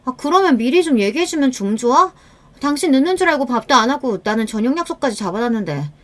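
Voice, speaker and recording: A sharp-tongued wife in a spoken radio drama, quick to bristle and complain, voiced by a woman. Her lines come out higher and louder than the narration, clipped and defensive. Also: sing-song, full character voice. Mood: irritated. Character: irritable, defensive wife in her thirties or forties. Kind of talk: scripted radio-story dialogue.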